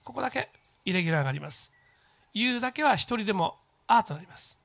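A teacher explaining grammar step by step, pausing on fillers as they go. English model phrases come out slowly and clearly so students can repeat them. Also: medium pitch, lively intonation, a bit bright. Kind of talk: recorded English grammar lesson for junior high students.

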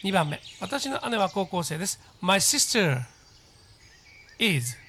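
A man's voice: high-pitched, expressive, fairly bright tone. Patient man teaching English. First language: Japanese. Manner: slow, deliberate model sentences for repeating; patient explaining, checks in with the listener. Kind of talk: spoken English lesson with repeat drills.

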